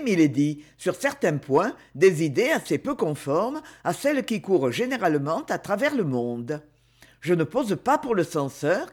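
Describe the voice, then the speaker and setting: A man reading aloud and voicing a proud young duke who speaks with calm, dry irony, in a lively, varied voice. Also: high voice, slightly rough, heavily acted. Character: proud ironic young duke, aloof and grave.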